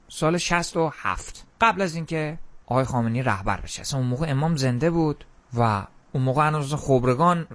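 A young man giving an animated, opinionated monologue, emphatic and full of quoted asides. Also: fairly high pitch. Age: young adult. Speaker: commentator who has attended radio meetings.

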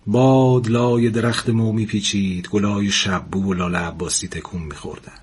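A man calmly reading a story aloud in a measured, soft-spoken way. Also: on the low side, husky. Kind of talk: scripted story narration.

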